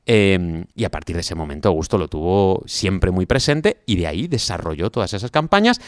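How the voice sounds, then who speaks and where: A man with a Spanish accent, a guest historian talking through a story in a relaxed interview, with many fillers. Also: low-pitched, fairly quick, no room sound, clean studio sound. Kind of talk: conversational interview.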